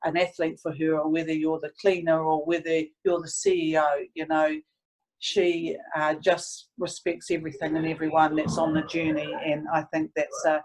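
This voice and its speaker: A woman's voice: low-pitched, monotone, moderate pace, darkish tone, low-quality recording. A woman, reflecting earnestly and hesitantly as she tells stories in a casual interview. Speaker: interviewee, sports team staff member.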